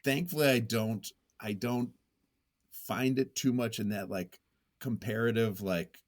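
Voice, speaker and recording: This is a man with a mid-range voice and an unhurried delivery, a nonfiction writer guesting on a podcast. His talk is casual and reflective, and he hesitates and downplays himself while thinking aloud.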